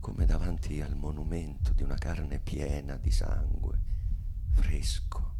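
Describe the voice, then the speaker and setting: An actor playing a menacing, feverish, obsessive man in an intense theatrical monologue, ranting wildly and swinging between breathy whispers and outcries. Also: a bass voice, flat delivery, measured pace, background noise, heavily acted. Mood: feverish, hushed.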